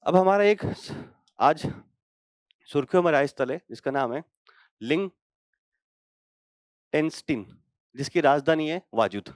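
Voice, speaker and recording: A man with a Hindi accent teaches a current affairs lesson for exam prep, posing rhetorical questions to himself and checking in with frequent "thik hai." His fairly high, expressive voice moves at a measured pace with long pauses, and there's no room sound.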